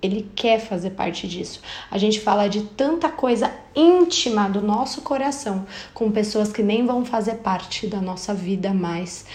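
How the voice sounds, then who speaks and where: A young woman with a Brazilian accent talks in a casual, chatty way about prayer and faith. She keeps slipping into little acted-out everyday conversations. Her voice sits at a middling pitch and carries a roomy echo. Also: animated, moderate pace, hardly any pauses, a little mellow. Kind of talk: casual devotional teaching.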